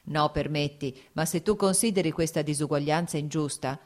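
A woman voicing an easygoing, worldly male nobleman who speaks calmly and teases in an audiobook reading. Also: low-pitched, moderate pace, lightly acted. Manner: calm, teasing.

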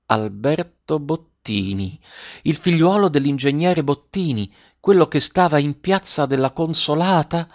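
A man's voice: medium pitch, a bit bright, no echo, lightly acted. A man voicing a frail old retired male schoolmaster with a slightly trembling but full voice, courteous and wistful, in a dull lo-fi recording. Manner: courteous, wistful, slow remembering.

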